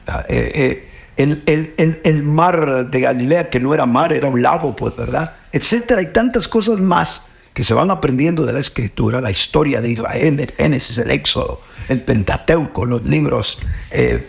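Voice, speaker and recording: A middle-aged man hosts a reflective talk on faith, speaking earnestly in Guatemalan-accented Spanish. His mid-range voice carries vocal fry, and he often repeats words, closing with "pues, ¿verdad?".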